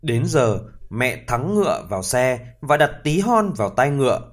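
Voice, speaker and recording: A man narrating a fairy tale for listeners in a lively, expressive reading voice. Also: mid-range voice, normal speed. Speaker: storyteller.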